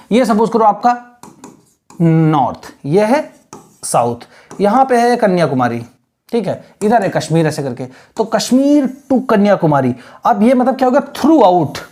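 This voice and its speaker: Patient teacher, lively mellow voice. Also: male voice, high voice. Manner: explains patiently, mixing Hindi and English, spells words out slowly. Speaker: English teacher for exam aspirants. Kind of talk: classroom lecture.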